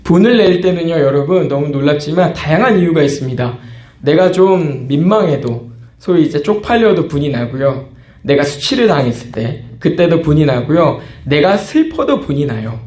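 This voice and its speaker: A man's voice: on the high side, expressive, moderate pace, darkish tone, reverberant. A man preaching a sermon as pastor, talking conversationally and acting out small scenes. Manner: conversational preaching, acts out quoted outbursts.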